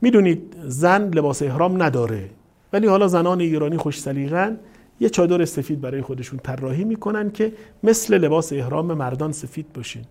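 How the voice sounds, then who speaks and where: Mellow-voiced man preaching a story. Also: a little high. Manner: animated storytelling, voicing quoted people. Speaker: caravan cleric. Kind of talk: sermon with storytelling.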